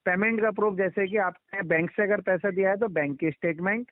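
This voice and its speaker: Heard through a muffled, band-limited phone connection, a man with a high-sitting voice speaks fairly quickly in a dry recording. He presses his explanation of a procedure, repeating himself and talking over the others.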